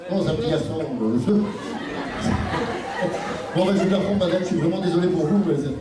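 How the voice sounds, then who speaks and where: A man's voice: fairly high pitch, brisk, over a noisy crowd. A man hosting a live stage interview, bantering and hesitating often. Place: large indoor show hall. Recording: very echoey hall, distant mic, audience noise. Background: audience.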